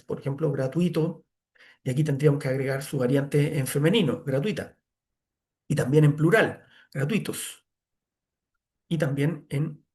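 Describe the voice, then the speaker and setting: A man's voice: a little high, darkish tone. A man giving a screen-share tutorial as an online course instructor, talking conversationally with many "eh" fillers.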